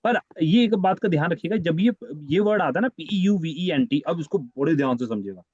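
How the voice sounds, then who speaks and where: A man's voice: on the high side, expressive, brisk, a little mellow, breathy edge, no echo. Patient man teaching on a muffled call. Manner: patient, repeats words many times. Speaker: French teacher. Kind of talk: online class teaching.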